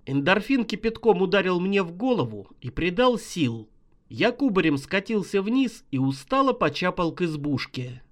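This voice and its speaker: A man reading a horror story aloud as an audiobook narrator, expressive and vivid. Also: sits high, normal speed.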